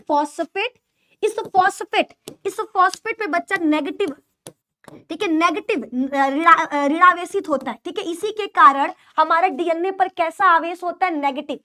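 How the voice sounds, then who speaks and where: High-voiced Hindi biology teacher woman. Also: bright, forceful tone. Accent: UP-Bihar Hindi. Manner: repetitive, call-and-response teaching with mnemonic jokes. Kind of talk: online class lecture.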